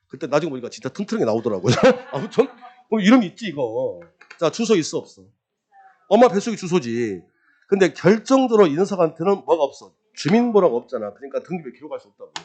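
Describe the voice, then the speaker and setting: A middle-aged man lecturing on property registration law, quizzing his class with rapid questions and answering them himself. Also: fairly high pitch. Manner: lively, quizzing, drills with repeated questions and answers. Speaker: real estate law exam lecturer.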